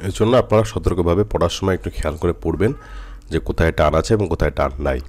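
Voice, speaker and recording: A man from Jessore with a Jessore Bengali accent, teaching Quran reading and drilling the letters slowly and patiently. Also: low-pitched, darkish tone. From Jessore, Bangladesh. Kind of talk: recitation lesson.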